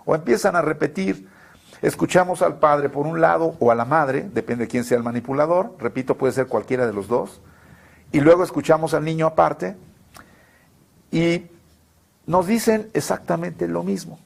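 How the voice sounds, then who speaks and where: A man speaks as a guest expert on a talk show. His voice sits somewhat high and carries a gravelly, husky edge. He explains in a measured, patient way and often poses rhetorical questions.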